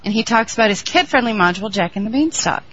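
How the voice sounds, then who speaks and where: A woman's voice: on the high side, animated, quick pace, fairly bright tone. A woman co-hosting a podcast in casual, friendly chat. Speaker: podcast co-host. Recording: dull lo-fi podcast audio.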